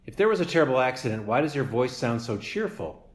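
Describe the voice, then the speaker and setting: A man's voice: mid-range voice, sing-song, quick pace, natural voice. A man reading aloud and voicing a blunt, bossy old female goose who squawks and scolds. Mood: scolding. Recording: roomy echo.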